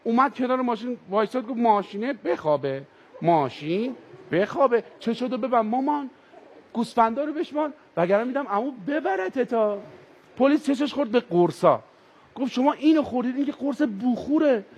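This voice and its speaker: A man performing stand-up comedy, telling a story in an animated way and switching into character voices. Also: very high-pitched, muffled recording. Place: stage before a live audience.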